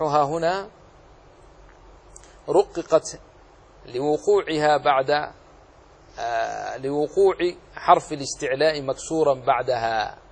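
This religious teacher has a slightly rough voice on the high side. He walks through recitation rules step by step, quoting verses and rephrasing them, and asks questions that he then answers himself.

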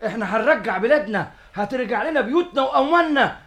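An excitable messenger with an Egyptian accent. He declaims urgently at a fast pace in a very high voice, as in theatrical radio drama. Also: heavily acted. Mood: jubilant, urgent. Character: excitable male messenger of revolution.

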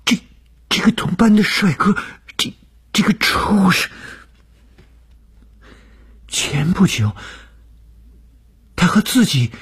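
A man voicing a jealous, furious young woman in a spoken story, high and raspy. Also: big pitch swings, slow pace, long pauses, a bit bright, heavily acted. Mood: jealous fury. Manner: shrill, high, shaky.

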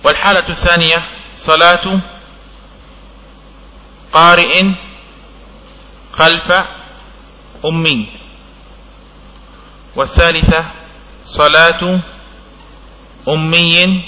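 A man teaching a religious law text in a classroom lesson, speaking in slow, broken-up phrases and checking understanding with short questions. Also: fairly high pitch, fairly even intonation, pushed and bright, long reverb tail, rough recording. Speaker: sheikh teaching a fiqh text.

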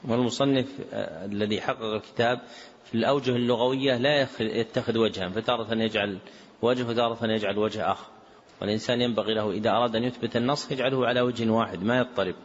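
A man teaching and explaining a classical text in a measured way, clearing his throat and giving short cues to the reader. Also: mid-range voice, steady tone, a little hiss or hum. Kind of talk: lesson commentary. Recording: dull lo-fi recording.

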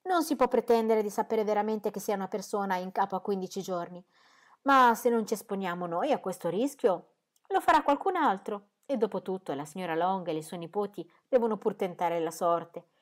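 A teasing, ironic older gentleman in a storybook reading, voiced by a woman narrator. He speaks in measured, level phrases with dry understatement. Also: medium pitch, lightly acted. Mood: wry.

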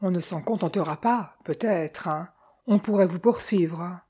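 A woman voicing a calm, decisive young fiancée who talks in a composed, gently persuasive way. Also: lowish voice, a little slow, husky. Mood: grave.

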